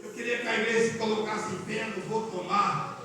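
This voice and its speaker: A man preaching a fervent Pentecostal sermon in a church, at times rising to shouted declarations. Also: high voice, flat delivery, brisk. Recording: echoey church hall, mic at a distance.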